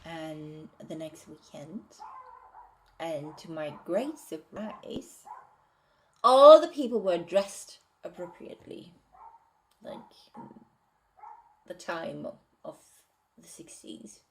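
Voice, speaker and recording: A woman reads from her novel draft and talks it over, hesitant and pausing to rethink her wording. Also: sits low, lively intonation, slight background noise. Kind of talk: casual reading and commentary.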